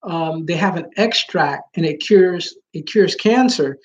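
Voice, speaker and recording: A vlogger with a naturally high voice talks loudly and a little slowly in a casual live chat with his viewers. He rambles, using many fillers and restarts. The highs in the audio are cut off.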